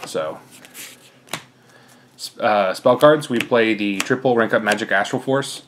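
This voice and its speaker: A young card game player, a bit out of breath, rambles casually through his deck with plenty of fillers. His voice is on the low side and fairly bright, his pace a little slow, with slight background noise.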